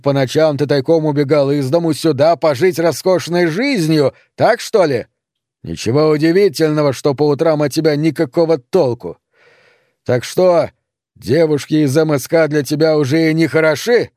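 A man's voice: a little high, moderate pace, darkish tone, no echo, studio quality, natural voice. A man voicing a furious old farmer father. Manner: barking, scornful.

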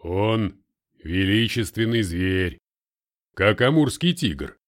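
A fervent, doting grown man who coos over a beast of a cat and wails loudly, in a male narrator's voice. He is a character in an audiobook, with a voice that rises and falls widely. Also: lowish voice, lively intonation, slow, no echo, studio quality. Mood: reverent.

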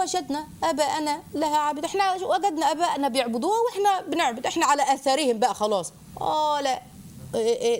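Fast, animated Egyptian woman teacher. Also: high voice, slight background noise. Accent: Egyptian Arabic. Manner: animated, asks the listeners questions. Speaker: religious teacher. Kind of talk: Quranic storytelling lesson for children.

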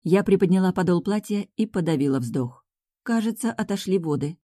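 Woman, audiobook narrator, first-person story, low dark voice, dry close recording. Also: animated, fairly quick, dry recording.

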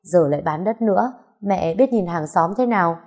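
A woman's voice: lowish voice, animated, normal speed, a little mellow. A woman reading the part of a weary, tearful elderly mother, pleading and complaining. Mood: defensive.

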